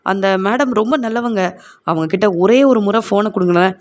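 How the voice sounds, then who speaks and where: A man's voice: sits high, normal speed, natural voice. Male narrator as desperate mother pleading; plain read, light tone. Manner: tearful, pleading. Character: distressed middle-aged mother pleading for help.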